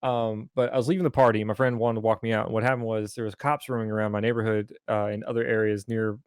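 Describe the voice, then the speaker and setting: A man's voice: on the low side, flat delivery, fast, smooth, dry recording, studio quality. A man, rambling through a casual story on a podcast and cursing freely. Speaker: podcast co-host. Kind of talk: casual chat.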